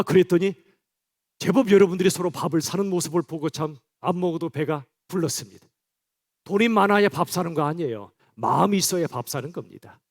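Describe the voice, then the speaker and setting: Male pastor, higher-pitched voice, preaching to his congregation in a direct, chatty way. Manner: direct, conversational address to the congregation. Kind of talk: sermon. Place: church.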